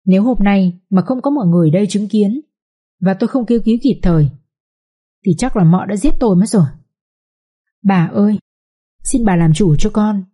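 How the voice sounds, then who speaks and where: A woman's voice: mid-range voice, moderate pace, pauses often, dark tone, slightly rough, natural voice. A woman doing a wailing scheming young concubine. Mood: accusing. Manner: wailing, whimpering complaints. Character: scheming pregnant young concubine, whiny and shrill.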